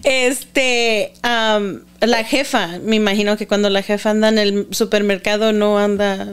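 A woman hosting a podcast, asking unhurried, friendly questions in casual conversation. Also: mid-range voice, fairly even intonation, clear, resonant tone. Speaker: podcast host. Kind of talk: conversational interview.

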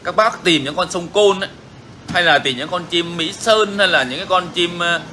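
A man's voice: high voice, normal speed, bright, forceful tone, a little hiss or hum. A man hosting a bird-keeping channel, talking casually and frankly to viewers, repeating himself often. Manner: frank, repetitive, chatty.

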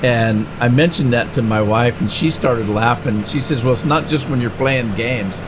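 A middle-aged gaming channel host rambles casually through a farming game let's-play, speaking at medium pitch and a moderate pace with many fillers and restarts. Tractor and engine sounds from the game come through clearly behind him.

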